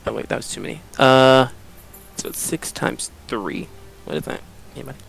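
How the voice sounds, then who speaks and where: A man's voice: medium pitch, moderate pace, gravelly, fairly bright tone, slightly rough, faint music behind, low-quality recording. A man chatting casually as a tabletop game player, hesitantly thinking aloud.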